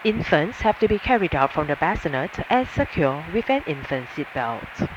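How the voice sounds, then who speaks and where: A man's voice: on the high side, very animated, moderate pace. A male flight attendant reading a formal, polite scripted announcement over an aircraft cabin PA. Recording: muffled aircraft cabin PA, loud engine noise.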